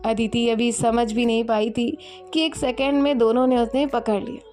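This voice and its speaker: A woman with a fairly high voice narrates a romantic audio story, switching lightly into each character's lines. Soft music plays faintly beneath her. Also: fairly even intonation, moderate pace. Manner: voices all characters in the same lightly acted tone.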